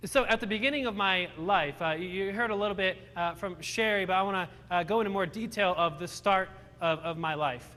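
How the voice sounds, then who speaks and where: Speaking fairly quickly with few pauses, this young man's high voice comes out pushed and bright, trailing a long reverb tail. Born in Romania, he's a motivational speaker recounting his life with self-deprecating humor before a live audience in a large hall, frequently restarting sentences.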